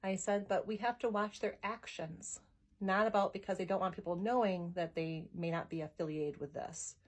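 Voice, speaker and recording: A woman's voice: fairly low pitch, steady tone, normal speed. A woman in her thirties, a mother, telling an earnest, emotional personal story to camera and quoting her family as she goes. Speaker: vlogger, mother.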